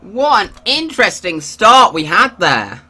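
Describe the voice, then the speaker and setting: A man giving live sim-racing commentary in the excitable manner of a motorsport commentator. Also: high-pitched, unhurried.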